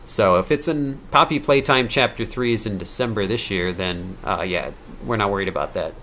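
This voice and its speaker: A man's voice: fairly low pitch, moderate pace, pushed and bright, a little hiss or hum. A man in his thirties, a game developer on a casual live-stream Q&A, answering viewer questions late at night, rambling and correcting himself as he goes. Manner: rambling, self-correcting, reads donor questions aloud.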